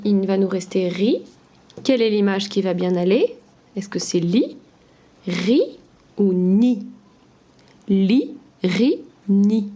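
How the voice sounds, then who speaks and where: A woman teacher leads a lesson for young children at a deliberately unhurried pace. She breaks words apart and sounds out each syllable with care. The recording is dull and lo-fi. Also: medium pitch, warm tone. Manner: slow, carefully sounding out syllables. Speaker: schoolteacher.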